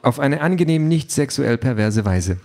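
A man voicing a sharp young woman who speaks in a dry, probing way. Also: medium pitch, animated, normal speed, creaky, a little hiss or hum, voice pushed up.

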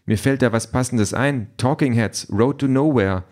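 A man voicing a lively young woman who sounds eager and bright. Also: medium pitch, normal speed, pitched above the performer's own voice, lightly acted.

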